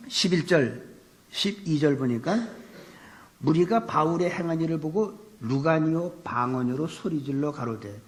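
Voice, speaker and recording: A male pastor giving an animated sermon, asking rhetorical questions and raising his voice for emphasis. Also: medium pitch. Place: church sanctuary. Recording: long reverb of a church hall.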